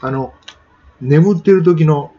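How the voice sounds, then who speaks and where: A man's voice: a little high, takes it slowly, lo-fi sound, a little hiss or hum. A man giving a casual spoken lesson on pronunciation, chatting and demonstrating sounds with exaggerated repetition. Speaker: English pronunciation teacher.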